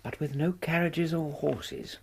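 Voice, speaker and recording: A man acting in a radio drama as a loyal, sensible gentleman doctor with a British accent, earnest, plain-spoken and easily affronted. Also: fairly high pitch, sing-song, measured pace, creaky, slightly rough, exaggerated voice. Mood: puzzled, sceptical.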